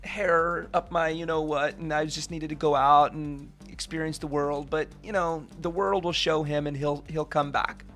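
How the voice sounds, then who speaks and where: A man's voice: fairly high pitch, fairly even intonation, moderate pace, hardly any pauses, fairly bright tone, faint music behind. Earnest, reflective man in his thirties. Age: 30s. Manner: reflective, earnest, many "you know" and "right?". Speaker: guest. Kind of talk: casual radio interview.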